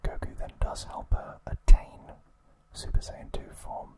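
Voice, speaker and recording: A man hosts an ASMR video, recapping trivia in a soft, breathy whisper with deliberate phrasing and pauses.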